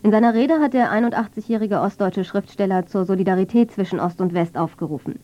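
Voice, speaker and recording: A woman's voice: mid-range voice, fast talker. Dull-sounding radio recording of female newsreader. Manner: factual, neutral. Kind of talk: scripted news reading. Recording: dull, band-limited medium-wave radio.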